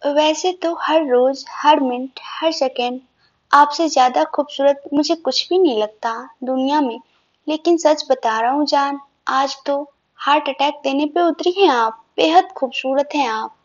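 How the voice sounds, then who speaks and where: Tender teasing young husband, read by a woman storyteller, high voice, dull recording. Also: a little slow. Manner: tender, coaxing.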